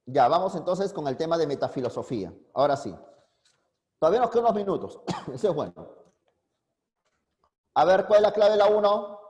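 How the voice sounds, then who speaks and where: A man's voice: fairly high pitch, animated, brisk, long pauses, darkish tone, highs cut off. A man teaching a philosophy class online, constantly quizzing his students and coaxing answers from them. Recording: long reverb, echoey room.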